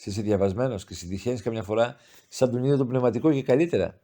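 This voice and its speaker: A man's voice: mid-range voice, dark tone, lightly acted. A man voicing a grieving, pious older village mother who speaks in plaintive, heartfelt pleas. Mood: confiding.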